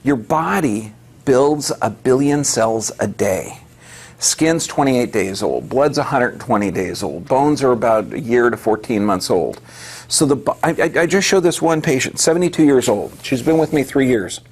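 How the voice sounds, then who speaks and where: A man's voice: mid-range voice, lively intonation, normal speed, a little mellow, breathy edge. A man giving an emphatic health lecture to a live audience, firing off rhetorical questions and answering them himself.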